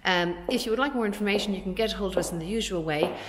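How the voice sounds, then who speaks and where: Talking quickly in a mid-range voice over background noise, a forty-something Irish woman working as an estate agent tours an empty commercial unit with large bare rooms. She chats and explains while walking in an informal property walkthrough.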